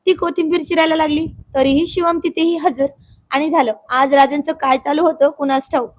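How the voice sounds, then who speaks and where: High-voiced woman narrating a story. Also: steady tone, moderate pace.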